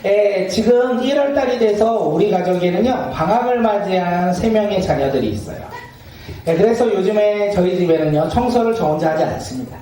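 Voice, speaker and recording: Recorded from a distance in an echoey church sanctuary, a man with a high-pitched, dark voice preaches as pastor amid slight background noise. He asks the congregation questions, waits for their replies, and acts out everyday scenes with laughter.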